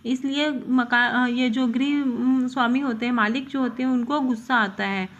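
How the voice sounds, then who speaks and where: Lady teacher going thru a story for class, slow, restarts a lot, muffled recording. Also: high voice, fairly even intonation, a little hiss or hum. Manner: unhurried, explaining with frequent restarts. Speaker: teacher explaining a textbook story. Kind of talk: lesson read-aloud and explanation. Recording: dull lo-fi recording.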